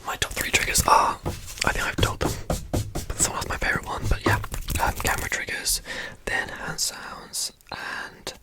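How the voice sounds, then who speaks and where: A young adult whispers in a fast, breathy ASMR style that sounds pushed and bright, rambling informally and repeating words as they answer questions.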